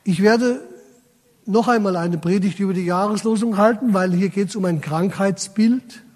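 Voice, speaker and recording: Speaking at normal speed in a high-pitched, slightly mellow voice, a man preaches straight to his congregation. He quotes scripture with dramatic force, and a long reverb tail follows each line.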